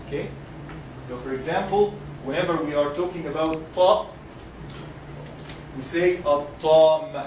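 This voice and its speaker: This Egyptian man speaks at a measured pace with long pauses, his voice on the high side, as he patiently teaches Quran recitation by modeling sounds for students to echo. The call-and-response lesson is recorded in a roomy, noisy lecture classroom from far away.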